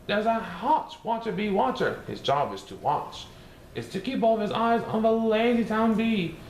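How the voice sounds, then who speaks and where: A man's voice: high voice, animated, moderate pace. A man voicing a playful, mischievous male cartoon cat, reading a rhyming storybook in a sing-song, bouncy way. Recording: roomy echo, faint hiss.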